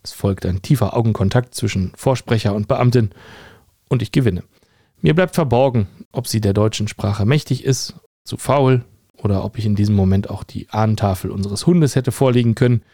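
A man's voice: lowish voice, normal speed, mellow, dry recording. A young man from Germany narrating a personal story in a dry, ironic manner. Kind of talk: scripted first-person narration.

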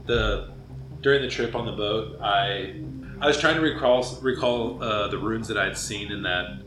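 Male tabletop player, lowish voice, casual role-play, roomy recording with music behind. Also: normal speed, noisy background. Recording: roomy sound under loud music.

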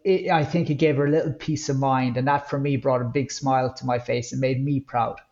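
A man with a Kerry accent from the west of Ireland, telling personal stories as a podcast guest, haltingly and with words repeated for emphasis. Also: medium pitch, fairly even intonation, a little mellow, highs cut off. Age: 30s or older. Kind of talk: candid personal storytelling in conversation.

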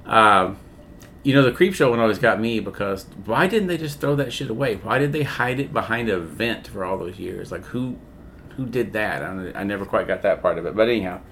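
Lowish-voiced man retelling a movie. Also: fairly quick, slight background noise. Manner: profane, animated retelling. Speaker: podcast co-host. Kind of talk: casual movie chat.

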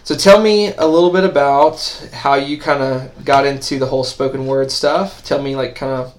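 A man's voice: mid-range voice, fairly even intonation, normal speed. Man, twenties, podcast host, youth pastor, casual, chatty, filler-heavy. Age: 20s. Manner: loose and chatty, with frequent "uh" and "like" fillers. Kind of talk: casual interview chat.

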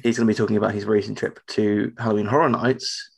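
A man's voice: fairly low pitch, steady tone, fast talker, creaky, husky. British man, ropey voice with swollen tonsils. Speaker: podcast co-host. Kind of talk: casual chat.

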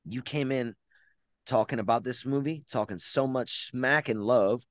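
A man's voice: mid-range voice, measured pace, dry recording. A man hosting a podcast on a video call, swearing freely and hyping himself up. His voice sits mid-range, and the recording is dry and close. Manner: profane, boisterous bragging. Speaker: podcast host. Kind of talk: casual chat.

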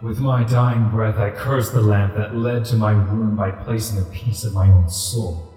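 A man voicing a huge ancient spectral tiger guardian with a deep rumbling voice, speaking in a slow, grave, gentle manner in a tabletop game. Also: steady tone, very echoey, big-room sound, faint music behind, close to an everyday voice. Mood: mournful, grave. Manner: slow, grave, measured storytelling. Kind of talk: tabletop role-play.

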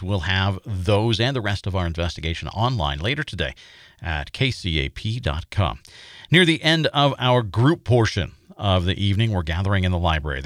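An American man hosts a scripted paranormal feature in a lowish voice. He tells it in a measured, suspenseful way. The recording is dry, with no room around him. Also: a bit bright, dry recording. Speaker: host and narrator.

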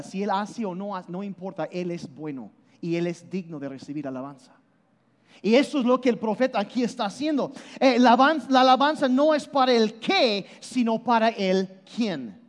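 A man preaching a sermon, animated and emphatic, often repeating and restarting his words as he explains. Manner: animated, shifts between loud emphasis and low intensity. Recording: long hall reverb.

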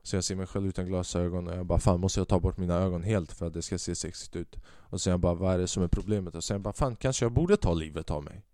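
Low, dark-voiced man telling rambling stories. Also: few pauses, clean tone, dry recording. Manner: rambling storyteller, acts out quotes, swears casually. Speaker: podcast host. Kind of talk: casual comedic monologue.

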